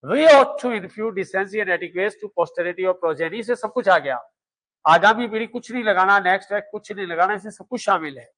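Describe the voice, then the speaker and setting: A middle-aged man lectures a classroom in a fairly high-pitched voice. He drills each point over and over and fires rhetorical questions at his students. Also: lively intonation, normal speed, fairly bright tone. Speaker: law exam coaching teacher.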